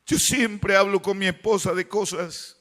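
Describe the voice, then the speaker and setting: A man preaching a sermon as pastor, swinging between fervent shouts and hushed, tender tones. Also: high-pitched, fairly even intonation, unhurried.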